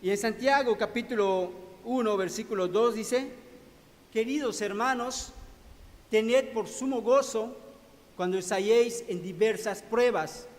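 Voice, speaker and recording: A man's voice: high voice, a little slow. A man preaching a sermon to his congregation in a church hall, calling them brothers and asking rhetorical questions. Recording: long hall reverb, faint background noise.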